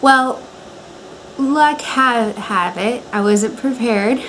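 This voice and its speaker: A woman's voice: on the high side, drawn-out words, poor audio. A woman in her twenties with an American accent gives a casual, chatty how-to talk in the informal style of a personal vlog, recorded in a bedroom. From Montana, United States. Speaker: vlogger. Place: bedroom at home. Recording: steady fan noise in background. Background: electric fan running.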